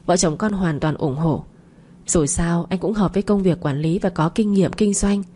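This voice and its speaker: A polite son-in-law thanks his family and humbly declines. A woman narrator reads him with a low, dark voice. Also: moderate pace, breathy edge. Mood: humble. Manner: humble, courteous.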